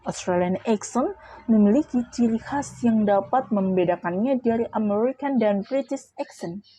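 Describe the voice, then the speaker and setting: A woman's voice: a little high, normal speed, dark tone, no echo, rough recording. A woman reading out a prepared class presentation, explaining step by step with brief asides to her listeners. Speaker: student presenter.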